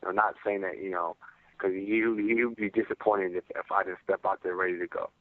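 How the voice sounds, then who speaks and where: A man's voice: sits low, fairly even intonation, fairly quick, no echo. A man giving casual, rambling interview answers as an athlete on a telephone conference line. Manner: rambling, frequent "you know". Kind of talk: casual media call answer. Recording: thin narrow-band phone conference line.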